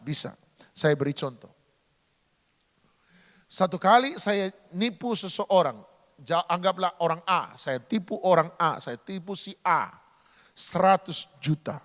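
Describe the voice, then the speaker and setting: A man's voice: sits high, fairly bright tone, big-room sound. A man preaching a humorous sermon, acting out dialogue and asking the congregation questions. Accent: Indonesian. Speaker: pastor. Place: church sanctuary.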